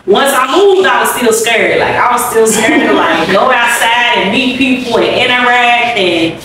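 A woman's voice: a little high, animated, normal speed, a loud crowd. A woman rapper from Louisville talking casually in an interview, laid-back and saying "you know" a lot. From Louisville, Kentucky. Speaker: rapper guest. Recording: echoey room from a distance with background noise.

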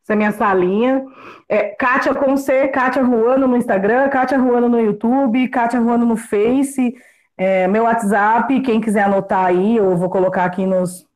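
A woman's voice: a little high, normal speed, a little mellow. A Brazilian woman with a frank, upbeat manner, giving a casual sales training talk over a video call and laughing often. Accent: Brazilian Portuguese. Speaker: guest speaker, sales consultant.

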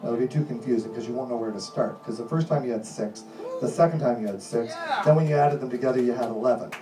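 A middle-aged stage hypnotist hosts a comedy hypnosis show on a small indoor club stage, issuing commanding, repetitive suggestions in deliberate phrases with a mid-range voice. His handheld mic runs through the PA and is captured by a distant camera in the audience, so the sound is echoey and carries music.

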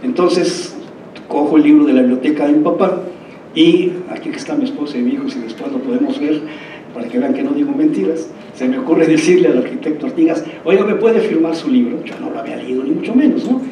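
A Mexican man in his fifties lectures with a mellow, slightly high voice, wandering into anecdotes and asking his listeners to agree. He is heard from a distance in an echoing hall. A faint hum of room sound sits behind him. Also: fast talker. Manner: digressive storyteller, checks in with listeners. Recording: roomy hall, mic far off.

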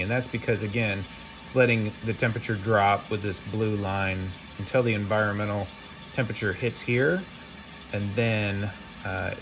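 A man's voice: fairly low pitch, background noise. A man teaching coffee roasting in a casual live demonstration, thinking aloud and reading numbers off as he works. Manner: thinking aloud, talks through numbers while working.

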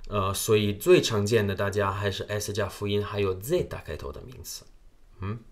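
A man's voice: lowish voice, a bit bright. A man teaching a live online language lesson, patiently explaining and repeating example words.

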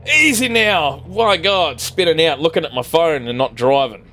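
This gaming streamer's voice is a little high, pushed and bright, with lively intonation at a normal speed. With an Australian accent, he rambles and swears freely while driving in a farming game, chatting casually to viewers.

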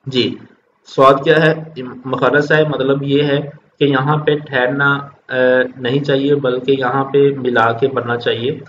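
A man's voice: mid-range voice, level tone, unhurried, a bit bright. A man teaching children a Quran lesson, patiently explaining step by step and repeating his points. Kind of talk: recorded religious lesson for children. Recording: dull lo-fi recording with faint noise.

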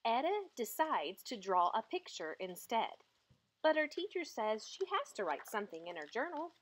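Her voice a little high, a woman reads aloud from a children's picture book with an expressive, carefully paced storytelling style.

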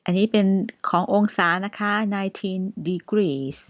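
A woman with a Thai accent teaching a step-by-step English lesson, saying numbers slowly and carefully for repetition, with polite, gentle phrasing. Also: medium pitch, no room sound. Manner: polite with frequent particles.

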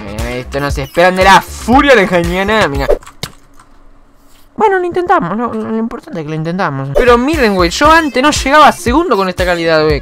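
A young man rattles off casual gameplay commentary in a high, bright-edged voice. He is excitable and slangy, swearing and joking as he plays. Background music runs clearly under his voice. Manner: excitable, slangy and profane, jokes and trash talk. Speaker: gaming YouTuber.

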